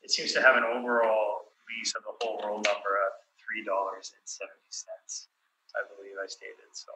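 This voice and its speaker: A man's voice: lowish voice, flat delivery, echoey room, heavy background noise. Hesitant man heard over a remote call. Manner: hesitant, halting answers with many fillers. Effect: heard over a remote call that breaks up. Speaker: city assessor answering questions at an appeal hearing. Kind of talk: testimony under cross-examination.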